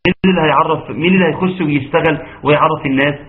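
A man with an Egyptian accent teaching Quran recitation in an online class, breaking into chanted examples between quick explanations. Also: fairly high pitch, a little hiss or hum. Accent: Egyptian Arabic. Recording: tinny phone-like online audio.

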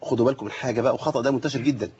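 A man with an Egyptian accent teaching Quran recitation on a broadcast lesson, explaining and slowly demonstrating verses with rhetorical questions. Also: mid-range voice, a little mellow, slightly rough, highs cut off.

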